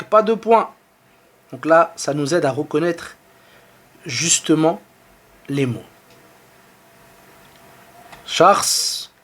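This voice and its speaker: Teaching the Arabic alphabet in an online lesson, a man with a high, light voice and a French accent speaks patiently. He sounds out every letter and vowel slowly, then circles back to repeat them.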